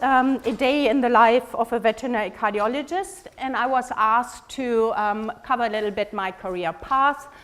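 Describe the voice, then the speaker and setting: A woman in her fifties from northern Germany, speaking English as a second language with a German accent, giving a relaxed, conversational lecture with frequent ums and self-corrections. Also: on the high side. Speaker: veterinary cardiology professor giving a lecture.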